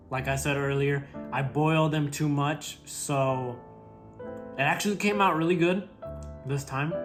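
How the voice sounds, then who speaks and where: A man's voice: medium pitch, fairly bright tone. A young man chatting casually and rambling with lots of fillers while cooking on his vlog. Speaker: vlogger. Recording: guitar music playing behind.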